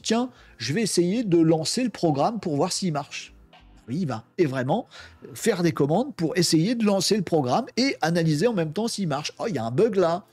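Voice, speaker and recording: A man's voice: fairly high pitch, a little mellow, breathy edge, dry recording. A man presenting a casual screen-share tech tutorial, enthusiastic and slangy, acting out little imagined dialogues. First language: French. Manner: colloquial slang, many fillers.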